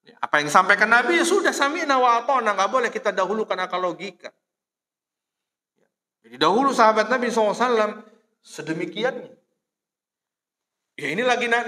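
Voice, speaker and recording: A man's voice: very high voice, bright, forceful tone. A male religious teacher giving a casual, conversational mosque study sermon, speaking, addressing listeners directly and acting out quoted voices. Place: mosque hall. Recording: long hall reverb.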